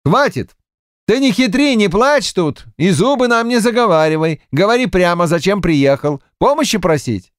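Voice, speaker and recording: A man's voice: high-pitched, animated, moderate pace, clear, resonant tone, no room sound, clean studio sound, voice pushed up. A man voicing a blunt, impatient collective farm chairman.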